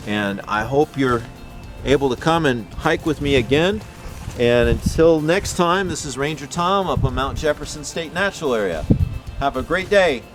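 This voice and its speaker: A man's voice: medium pitch, expressive, moderate pace, music in the background. A man, a park ranger giving an easygoing guided nature hike talk in the woods. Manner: easygoing, storytelling, gentle. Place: outdoors in the woods.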